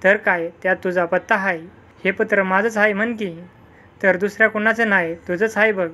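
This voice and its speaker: Storyteller doing a chatty old village guy, rustic talk, mid pitch, kinda plain voice. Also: steady tone, normal speed, bright, forceful tone, close to an everyday voice. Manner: rustic village dialect speech. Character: old village man Taral, rustic and talkative.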